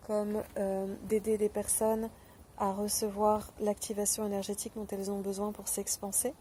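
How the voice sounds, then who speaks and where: A woman giving a spoken testimonial straight to the viewer, gentle and earnest, with hesitant pauses and fillers. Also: medium pitch, a little hiss or hum. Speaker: former program participant giving a testimonial.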